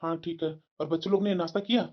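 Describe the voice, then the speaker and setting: Woman doing a deep calm cartoon husband. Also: fast, lightly acted. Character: adult husband, calm and brief. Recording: dull lo-fi with loud noise.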